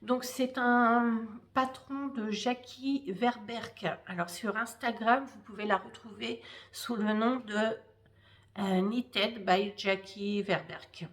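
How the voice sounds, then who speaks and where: A woman's voice: a little high, fairly even intonation, slow pace, fairly bright tone. A woman hosting a knitting podcast, chatting casually and hesitantly with many fillers while showing her work. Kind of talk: casual show-and-tell chat.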